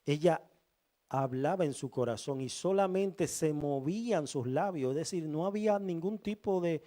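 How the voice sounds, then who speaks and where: A man preaching a sermon as pastor, reading scripture and asking the congregation rhetorical questions in a slow, deliberate way. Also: a little high, mellow.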